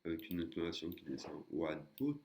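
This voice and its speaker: A man's voice: extremely low pitch, lively intonation, normal speed, a little mellow, slight background noise. A man teaching a language lesson, explaining patiently step by step with frequent hesitations. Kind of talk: screen-recorded lesson.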